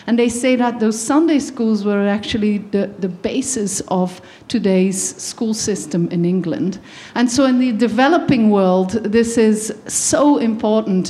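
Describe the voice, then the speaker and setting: Earnest woman from Belgium, mellow voice. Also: medium pitch. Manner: earnest, many ums and restarts. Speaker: guest speaker. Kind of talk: faith-based talk on education.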